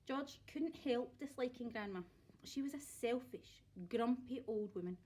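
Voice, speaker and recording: A woman's voice: fairly high pitch, unhurried, mellow. A woman narrating a children's story aloud expressively, like a teacher reading to pupils.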